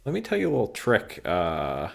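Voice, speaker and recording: A man's voice: on the low side, wildly swooping pitch, moderate pace, vocal fry. A man streaming live from his card shop, casually reading card text aloud and chatting with viewers, with frequent ums. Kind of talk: casual livestream commentary on cards. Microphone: phone and computer stream setup.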